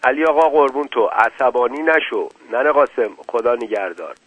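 A man's voice: mid-range voice, fairly bright tone, no room sound, natural voice. A man voicing a polite male gambler who speaks in a courteous, soothing way. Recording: dull lo-fi dry recording.

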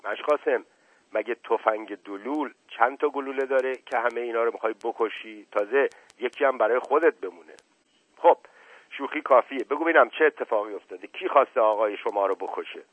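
A man's voice: mid-range voice, husky, no room sound, lightly acted. A man playing a witty, bossy aristocrat. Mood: teasing, urgent. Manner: teasing, commanding. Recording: narrow phone-like band, dry.

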